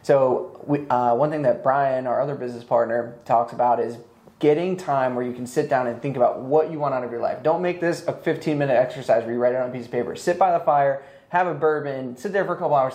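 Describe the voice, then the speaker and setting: A man's voice: medium pitch, a little mellow. A man in his thirties speaking as a podcast guest in a casual, motivational conversational style. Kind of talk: casual motivational interview talk. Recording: echoey, roomy sound.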